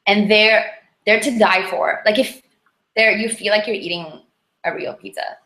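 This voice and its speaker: A woman with a Polish accent chatting casually and informally, in an animated, rambling way, as an interview guest. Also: mid-range voice, a little slow. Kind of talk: casual chat about diet. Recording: echoey, roomy sound.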